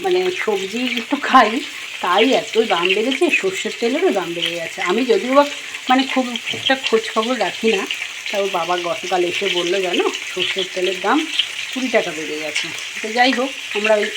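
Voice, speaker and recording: A woman's voice: mid-range voice, expressive, fairly quick. Chatty middle-aged woman over kitchen frying. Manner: chatty, homely, rambling with fillers. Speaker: cooking vlogger. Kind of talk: casual home vlog chat. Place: home kitchen, indoors. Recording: home recording with frying noise.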